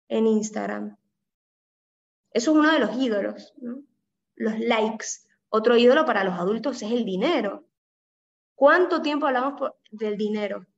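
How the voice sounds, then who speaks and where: A woman's voice: a little high, gravelly, highs cut off. Caribbean-accented woman teaching a Bible study. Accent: Caribbean Spanish. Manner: explanatory, asks listeners with frequent "¿no?" and "¿sí?".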